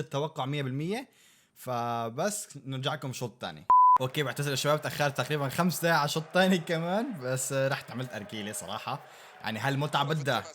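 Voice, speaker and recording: A young man giving a live reaction to a football match, excitable and bursting into shouts and laughter at big plays. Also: fairly high pitch.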